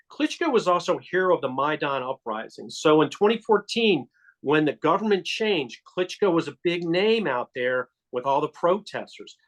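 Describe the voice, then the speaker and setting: A man's voice: a little high, a bit bright. Emphatic man telling a long account. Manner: emphatic, builds long accusatory accounts with frequent restarts. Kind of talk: explanatory storytelling in an interview.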